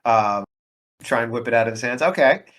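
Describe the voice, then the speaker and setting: A man of middle pitch runs a tabletop game as game master. He narrates haltingly, restarting sentences and filling gaps with ums. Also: a bit bright.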